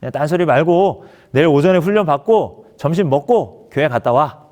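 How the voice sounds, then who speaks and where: A preacher barking as an angry army commander. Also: male voice, fairly high pitch, lively intonation, normal speed, close to an everyday voice. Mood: dismissive. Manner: barking, scolding shouts. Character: gruff angry male army company commander.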